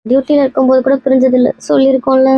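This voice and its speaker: A woman playing a gravelly, quick, tearful young wife. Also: mid-range voice, fairly even intonation, dry recording, muffled recording, lightly acted. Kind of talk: homemade family skit.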